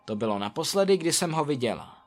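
A man reading first-person stories aloud in a lively, animated storytelling manner. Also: a little high, soft background music.

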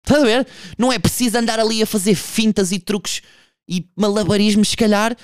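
A man's voice: sits high, fairly even intonation, fairly quick, clear, resonant tone, no echo, clean studio sound. A young man doing a casual, profane stand-up monologue, telling a story with vocal impressions. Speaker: stand-up comedian.

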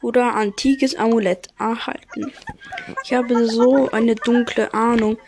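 A woman's voice: a little high, fairly even intonation, unhurried, vocal fry, background noise. A woman reading the lines of a worried, pleading village mother in a video game.

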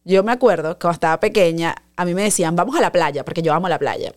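A woman hosting a podcast, telling a personal story in a casual, animated way and acting out the quoted voices. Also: fast talker. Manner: animated, acts out quoted voices, dramatic pitch jumps. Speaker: podcast host.

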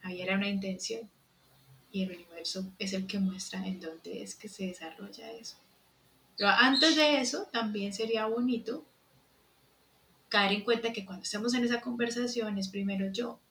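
A woman speaking as a coach, calmly explaining and reframing the other speaker's experience. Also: medium pitch, moderate pace. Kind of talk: reflective coaching talk. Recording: roomy echo.

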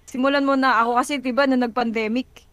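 A woman's voice: high-pitched, steady tone, fast, a bit bright, dry recording. A woman fitness coach chatting casually and frankly on a livestream, laughing often.

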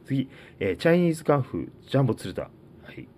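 A man hosting a casual solo talk, reading out items one by one and musing about each with many fillers and pauses. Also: medium pitch, big pitch swings, a little mellow, slight background noise. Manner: rambling, filler-heavy, reads out list items. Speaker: podcast host.

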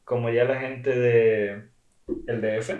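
A man's voice: medium pitch, fairly even intonation, slow, dull audio. A man talking as a podcast guest in chatty casual conversation, often filling with repeated phrases. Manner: chatty, talkative, repeats "o sea". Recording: roomy echo.

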